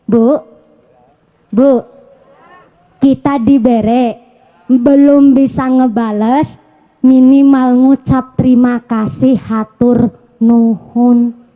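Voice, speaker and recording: A woman's voice: high-pitched, dull audio. A woman preacher with a Banyumasan Javanese accent giving a humorous sermon, telling stories and putting rhetorical questions to her audience.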